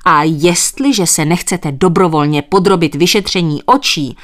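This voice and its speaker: A woman voicing a male country doctor who insists firmly and formally, with deliberate phrasing. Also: on the low side, a bit bright, natural voice. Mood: insistent.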